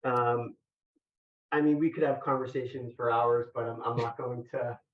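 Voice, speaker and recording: A man giving technical feedback and questions as an examiner, halting, measured and collegial, over very echoey, distant remote audio. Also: mid-range voice, fairly even intonation, phone-quality sound. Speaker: examiner questioning a thesis candidate.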